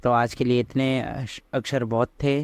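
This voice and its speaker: A man's voice: medium pitch, flat delivery, normal speed, dry recording. A man teaching a reading lesson step by step, patiently asking questions and answering them himself. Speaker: language teacher. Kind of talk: slow step-by-step script lesson.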